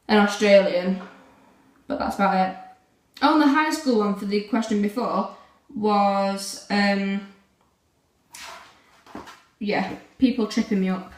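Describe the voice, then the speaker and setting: Teenage girl, casual vlog chat, rambling, roomy echo, distant mic. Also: mid-range voice. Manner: rambling, chatty, lots of fillers. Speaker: vlogger.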